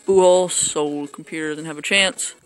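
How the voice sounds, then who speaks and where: Over faint background music, a man casually commentates his own baseball video game play, rambling, joking at his own expense, and hesitating with lots of fillers. His voice is fairly high and steady, at a normal speed.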